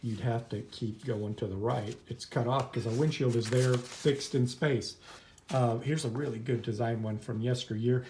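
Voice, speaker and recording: Indoors at home, a man gives an informal, chatty art lesson through a hands-on demonstration, rambling and drifting into asides. His medium-pitched voice is steady and dark, at a moderate pace, and the home recording is noisy with clicks.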